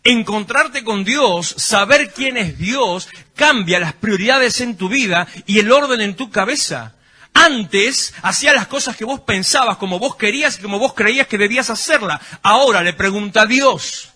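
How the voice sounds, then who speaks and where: A man's voice: sits high, animated, normal speed, bright, forceful tone. A male pastor, preaching a sermon and putting questions to his congregation. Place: church.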